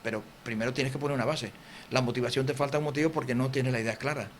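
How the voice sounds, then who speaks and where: A middle-aged man with an Andalusian Spanish accent, a book author talking as a guest on a local TV interview, animated, quoting himself and acting out sounds. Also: mid-range voice, a little hiss or hum. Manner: fast, animated, acts out quotes and sounds. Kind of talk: TV interview, casual explanation. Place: local TV studio.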